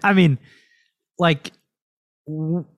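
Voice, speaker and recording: A man's voice: on the high side, drawn-out words, no echo. A man hosting a podcast in a casual, explanatory, lightly teasing way, close on a podcast mic. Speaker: podcast host and poker coach.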